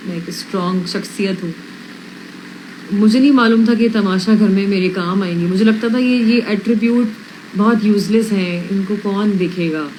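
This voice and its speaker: A woman's voice: medium pitch, darkish tone, a little hiss or hum, low-quality recording. A young woman with a slight British accent, chatting casually on a livestream as a reality show contestant, frank and self-assured, dropping English phrases into her talk. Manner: mixes English phrases into speech.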